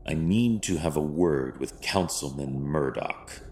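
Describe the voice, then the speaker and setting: In an audio drama, a male actor voices a grim, stoic masked vigilante detective, delivering clipped, formal, deadpan lines. His rumbling low voice keeps a measured pace, grim and determined, over slight background noise.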